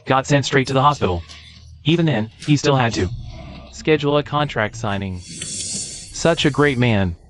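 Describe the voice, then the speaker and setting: A man's voice: medium pitch, expressive, moderate pace, long pauses, lightly acted. A man playing a businessman in a dubbed corporate romance melodrama. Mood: reminiscing. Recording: music under the dialogue.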